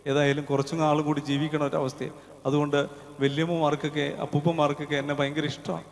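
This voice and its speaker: Malayali priest telling a sermon story. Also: male voice, on the high side, flat delivery, quick pace, vocal fry. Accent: Kerala Malayalam. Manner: conversational, acts out quoted voices, shifts between loud and hushed. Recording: long hall reverb.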